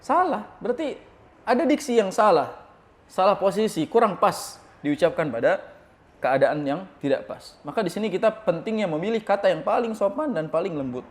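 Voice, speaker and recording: High-voiced man giving a religious lecture. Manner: explains, then reads Arabic text slowly and translates; lively teaching tone with rhetorical questions. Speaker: Islamic preacher.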